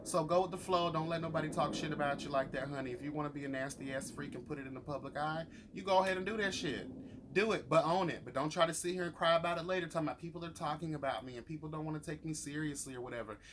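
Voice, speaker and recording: With a noisy background behind him, a man races through casual YouTube commentary reviewing a reality show. His voice is a little high, and he's profane, slangy, sassy and emphatic, addressing people as honey and girl.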